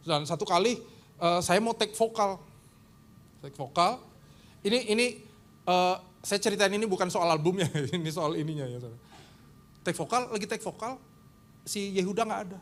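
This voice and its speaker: A man's voice: high voice, lively intonation, moderate pace, pauses often, a bit bright. A middle-aged male pastor preaching and telling stories, acting out the people he quotes with big jumps in his voice. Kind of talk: sermon with acted anecdotes.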